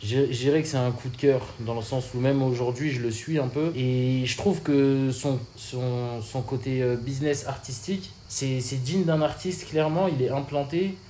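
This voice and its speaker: A man's voice: medium pitch, moderate pace, few pauses. Laid-back young man, echoey room. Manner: relaxed, rambling with fillers and slang. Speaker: podcast co-host. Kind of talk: casual chat. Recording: echoey room, faint ambient noise.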